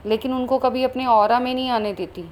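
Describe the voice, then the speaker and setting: A woman's voice: a little high, fairly even intonation, brisk, a little mellow, slight background noise. A woman, a spiritual channel host, recounting a meditation vision in a flowing, earnest way with many fillers. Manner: earnest, flowing Hindi-English mix with fillers. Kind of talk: personal spiritual account.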